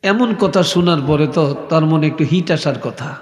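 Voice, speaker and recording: A man preaching a sermon to a crowd, speaking slowly and softly with a sing-song storyteller's lilt. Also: a little high. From Bangladesh. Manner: slow, soft-spoken, sing-song storytelling. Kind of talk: Islamic sermon. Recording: echoey hall reverb from a PA.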